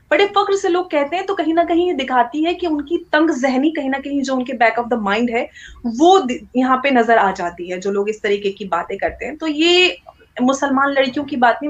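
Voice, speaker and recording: Earnest woman from India, muffled audio. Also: high-pitched. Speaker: guest. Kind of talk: casual interview talk.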